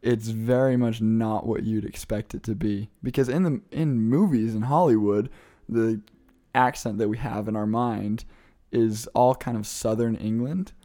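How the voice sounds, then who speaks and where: As a guest, a young returned missionary from the Midwest fields interview questions with chatty eagerness and easy laughter. His fairly low voice is warm and steady in tone, and he talks a little slowly.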